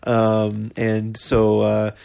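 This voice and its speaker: A man's voice: fairly low pitch, completely flat delivery, drawn-out words, creaky, darkish tone, clear, resonant tone. A man in his early thirties chatting casually as a podcast co-host, easygoing and rambling, on a cheap phone mic that pops. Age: 30s. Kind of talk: casual chat. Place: bedroom in a house. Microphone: handheld iPhone mic.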